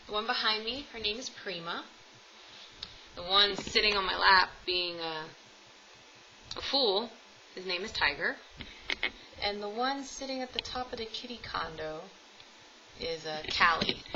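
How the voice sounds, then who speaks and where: A woman in her twenties from the United States does a casual tag video at home with her cats, rambling to camera with frequent ums. Her lowish voice sounds pushed and bright, captured on lo-fi audio with slight background noise.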